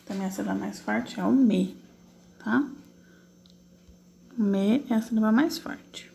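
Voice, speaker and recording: Woman teacher, gravelly voice, patient step-by-step explaining, faint background noise. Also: medium pitch, warm tone. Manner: patient, step-by-step, asks and answers her own questions; slow, drawn-out syllable spelling while typing. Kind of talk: online class correcting exercises.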